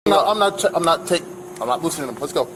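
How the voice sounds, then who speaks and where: A man's voice: on the high side, expressive, quick pace. A male police officer, firm and insistent, explaining and giving orders to a detainee on an outdoor body camera. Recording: noisy outdoor police bodycam, vehicle noise.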